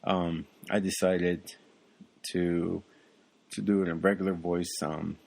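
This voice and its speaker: Low-voiced rambling podcast guy. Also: level tone, slow pace, gravelly, a little mellow. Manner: rambling, with many ums and uhs. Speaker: podcast co-host. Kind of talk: casual chat.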